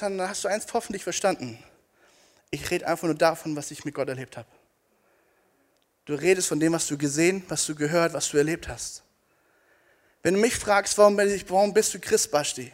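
Ein junger Mann predigt energisch auf einer Bühne vor Publikum und stellt dem Publikum eindringlich rhetorische Fragen. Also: male voice, sits high. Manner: emphatic, rhetorical questions to the audience. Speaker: preacher. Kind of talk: energetic youth sermon. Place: stage before a live audience.

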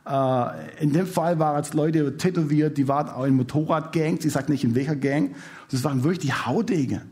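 A male pastor telling a personal story in a sermon, speaking to the audience with lively storytelling. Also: on the high side, a little fast. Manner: animated storytelling, addresses the audience directly.

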